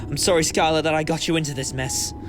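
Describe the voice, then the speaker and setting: A man's voice: fairly high pitch, steady tone, fast talker, heavy background noise, close to an everyday voice. A man playing an eccentric, compassionate time-travelling hero in a sci-fi audio drama, talkative and theatrical, given to speeches. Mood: resigned.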